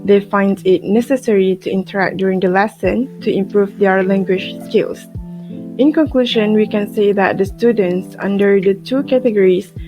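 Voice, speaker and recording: Woman, student presenter, scripted narration, loud guitar music behind. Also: mid-range voice, moderate pace. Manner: reads a prepared academic script.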